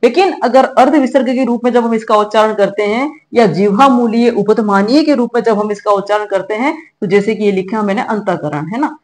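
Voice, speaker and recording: A woman's voice: on the high side, fairly quick, hardly any pauses, darkish tone. A middle-aged woman teaching a grammar lesson, explaining step by step and checking in often with her students. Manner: patient, explanatory, checks in with "ठीक है" and "है ना". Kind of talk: classroom-style grammar lesson.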